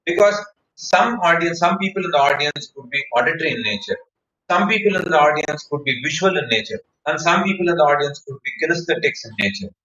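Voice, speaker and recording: An animated, fast-talking man with an Indian accent, his slightly high voice pushed and bright, trains people in public speaking during an online video-call session. He explains emphatically, leaning on anecdotes and repeated phrases. A distant mic gives the recording a muffled, echoey quality.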